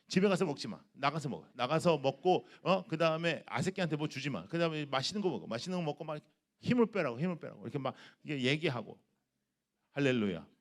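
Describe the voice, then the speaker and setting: A man preaching at a revival in an informal, joking storytelling manner. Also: mid-range voice. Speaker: pastor. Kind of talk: revival sermon.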